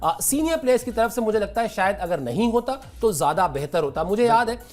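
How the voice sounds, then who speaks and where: A man's voice: sits high, sing-song, fast talker. A man on a sports talk show panel, making his points at length with analogies and emphatic rhetorical questions. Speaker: cricket commentator on a panel.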